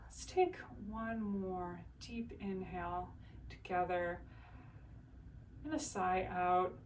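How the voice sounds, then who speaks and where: A woman voice teacher calmly guiding a breathing exercise and body scan, in slow, soothing instructions. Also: medium pitch, recorded from a distance, slight background noise.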